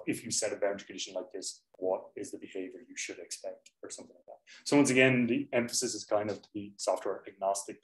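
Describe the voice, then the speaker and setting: A young man's lowish voice carries through an echoey lecture hall as he gives a casual university lecture, talking loosely and fixing his own wording. The laptop mic on his desk adds a little hiss or hum.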